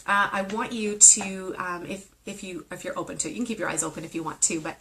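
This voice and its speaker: Bright-voiced woman leading a heartfelt meditation talk. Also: medium pitch, fairly even intonation, fast, a little hiss or hum, rough recording. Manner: earnest, emotional, heartfelt. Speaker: meditation teacher. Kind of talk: live-streamed spiritual talk and guided meditation. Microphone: phone or webcam on a live video stream.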